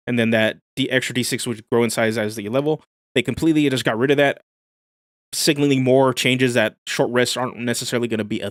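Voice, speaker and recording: A man's voice: medium pitch, fairly bright tone, no room sound, studio quality. Casual man hosting a game livestream. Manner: enthusiastic, casual slang, reads chat aloud. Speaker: livestream host.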